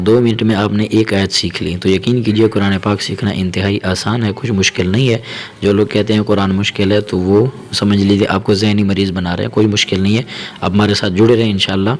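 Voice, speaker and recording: Lowish-voiced man w teaching quran letters, drags out syllables, keeps asking ok?. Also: little pitch movement. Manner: patient and repetitive, drawing out syllables slowly, often asking "okay?"; brisk explanations between slow syllable drills. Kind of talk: step-by-step tajweed lesson, spelling out letters and vowels.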